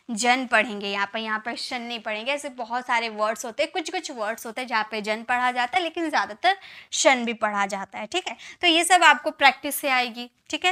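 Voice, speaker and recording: A woman's voice: fairly high pitch, bright, forceful tone. A woman teaching English spelling to viewers. She spells words out letter by letter, repeats them, and checks in with the learners often. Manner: addresses viewers directly. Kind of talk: classroom-style spelling lesson.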